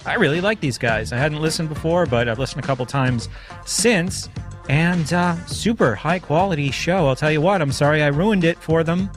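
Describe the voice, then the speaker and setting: Hosting a podcast solo, a man with a voice on the high side talks at a moderate pace into a studio microphone run through a mixer. He's casual, conversational and self-deprecating, with soft music in the background.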